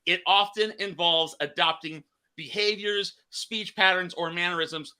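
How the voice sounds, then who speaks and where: A man's voice: sits high, fairly even intonation, a little slow, sharp tone, clear, resonant tone. A man hosting a casual podcast chat, rambling and restarting his phrases. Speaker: podcast host.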